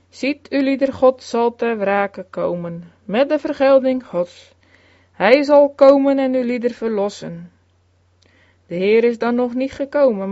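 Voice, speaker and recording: A woman reading an old-fashioned sermon aloud in a solemn, measured way with archaic phrasing. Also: a little high, darkish tone, no echo. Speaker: sermon reader. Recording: dull, lo-fi recording, dry.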